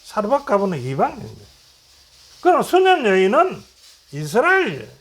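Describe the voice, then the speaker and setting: A man's voice: high voice, huge pitch swings, fairly quick, fairly bright tone. A middle-aged man teaching a Bible lesson, retelling stories and acting out quoted lines, asking and answering his own questions.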